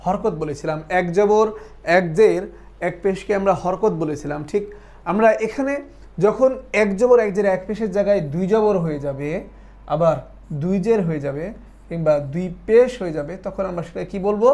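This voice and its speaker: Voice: medium pitch, moderate pace, mellow. A Quran recitation teacher in an online class who explains things patiently, one step at a time. The teacher keeps asking the class a question and then answering it, repeating each point so it sticks. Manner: asks questions and answers them, repeats for drilling. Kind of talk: online lesson.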